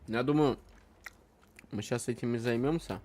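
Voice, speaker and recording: A man's voice: mid-range voice, moderate pace, mellow, slight background noise. A man chatting casually on a livestream as he plays, talking to his chat in slangy, informal asides. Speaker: game streamer. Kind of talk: casual livestream chat while playing a game. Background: game music.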